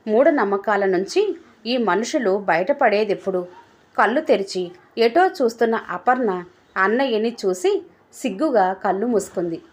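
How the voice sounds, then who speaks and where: A woman narrating a family story in a measured, steady reading voice. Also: medium pitch. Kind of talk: scripted narration.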